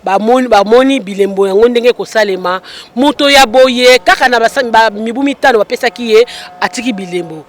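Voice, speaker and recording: Female field reporter, high and lively, speaking live outdoors. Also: fairly quick. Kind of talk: on-the-spot news report. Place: outdoors at a public event.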